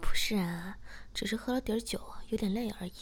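A self-assured young man from a spoken story, voiced by a woman reader. He teases lightly in a gravelly, mid-pitched voice that hardly changes from the narration. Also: moderate pace, darkish tone. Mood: teasing.

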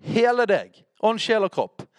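A man preaching a teaching sermon in a conversational way, speaking straight to his listeners and checking in with quick questions. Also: sits high, big pitch swings, no room sound.

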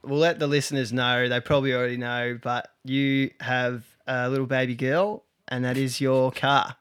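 A man's voice: medium pitch, level tone, moderate pace, fairly bright tone, smooth. A man with an Australian accent hosting a casual podcast chat, matey and sweary, full of slang. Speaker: podcast host.

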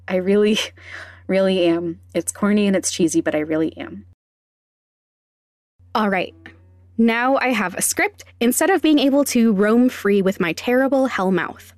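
A young adult woman, a podcast host and sound designer, narrates conversationally in a candid, informal, wryly self-deprecating way. Her voice is mid-range and the recording has no echo.

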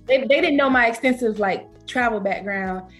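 In a laid-back conversational interview, a travel company founder from Georgia, USA, recounts her trips in a Southern accent at an ordinary pace. She's animated, acting out quoted remarks with sudden rises in pitch. Gentle music can be heard quietly beneath her voice.

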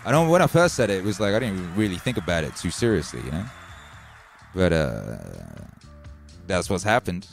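His voice sits low and moves fairly quickly, with faint music behind him. The middle-aged Welsh streamer, whose accent mixes Welsh and Birmingham, is casual and excitable on his live stream, cursing and thanking viewers by name.

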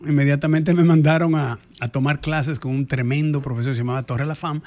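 Male actor guest, Dominican accent, fairly high voice, animated rambling storyteller. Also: fairly quick. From Dominican Republic. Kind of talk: radio interview storytelling.

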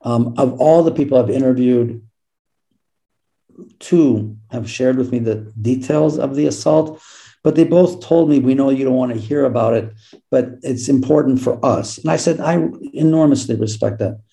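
A middle-aged American man, an author and law professor, answering interview questions with self-deprecating stories and lively quoted dialogue. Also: mid-range voice, normal speed, gravelly, poor audio. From United States.

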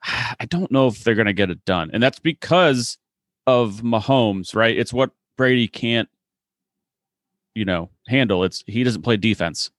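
A man from Massachusetts in a casual sports chat, weighing his views in a measured, hedging way. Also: mid-range voice, expressive, no echo, studio quality. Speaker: podcast co-host.

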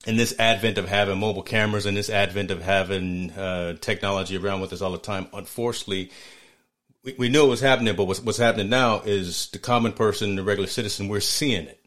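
A man co-hosting a casual sports podcast, talking in a thoughtful, measured way and often restarting his phrases. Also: lowish voice, steady tone, a bit bright. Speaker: podcast co-host.

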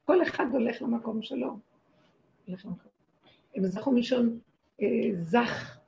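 Gravelly-voiced woman teaching a religious lesson. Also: fairly high pitch, mellow, lo-fi sound. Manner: emphatic, short repeated phrases. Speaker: spiritual teacher.

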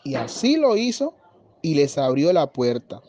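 A storyteller reading a children's folk tale aloud, slow and very expressive, on a dull lo-fi recording. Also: medium pitch.

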